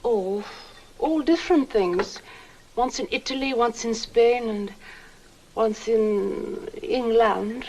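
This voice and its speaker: A woman's voice: a little high, takes it slowly, darkish tone, slight background noise, low-quality recording. A coy young Swedish woman. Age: 20s. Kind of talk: 1960s film acting.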